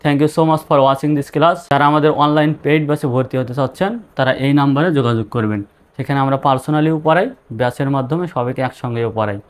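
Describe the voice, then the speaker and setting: Male teacher, mid-pitched voice, patient and methodical, spells each word out letter by letter. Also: quick pace, clean tone. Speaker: English teacher. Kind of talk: spelling lesson.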